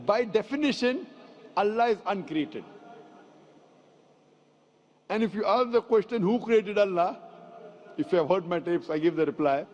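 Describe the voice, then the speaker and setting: A man's voice: sits high, expressive. Man answering questions in a reverberant hall. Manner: measured, explanatory, repeats points. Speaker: speaker answering audience questions. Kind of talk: public Q&A lecture. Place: large lecture hall. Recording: dull hall recording with long reverb.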